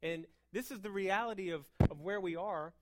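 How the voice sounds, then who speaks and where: An American woman preaching an informal sermon, talking fast in an emphatic, conversational way with repeated words and rhetorical questions. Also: medium pitch, slight background noise.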